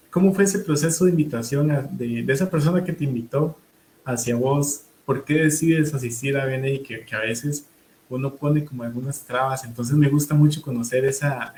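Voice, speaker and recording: A man's voice: medium pitch, mellow, reverberant, slight background noise. A man hosting an interview, affirming the guest and inviting her to tell more. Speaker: interview host. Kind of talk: interview conversation.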